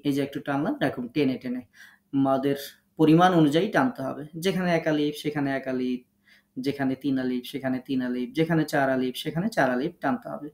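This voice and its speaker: A man's voice: mid-range voice, steady tone, fast, darkish tone, reverberant. A man teaching an online class on how letters are pronounced, explaining patiently and step by step. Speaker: Quran recitation teacher.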